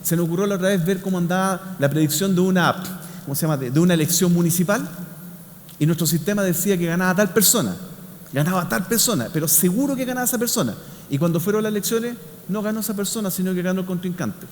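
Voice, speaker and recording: A man's voice: sits high, quick pace. A man with a Chilean accent giving a public science talk in a didactic way, often checking in with short tag questions. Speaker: speaker, scientist. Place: large indoor hall before an audience. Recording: echoey hall, faint noise.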